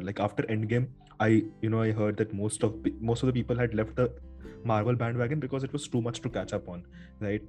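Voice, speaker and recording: A man's voice: fairly low pitch, warm tone. A man with an Indian accent hosting a podcast in casual, informal chat, now and then slipping between English and Hindi. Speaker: podcast host.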